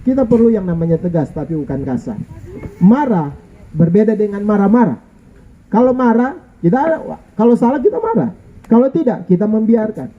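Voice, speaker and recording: A man's voice: sits high, animated, moderate pace, phone-quality sound. A middle-aged male pastor, preaching a jokey, playful sermon and calling for amens. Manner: jokey, playful, asks congregation for amen. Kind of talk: lively sermon. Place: church.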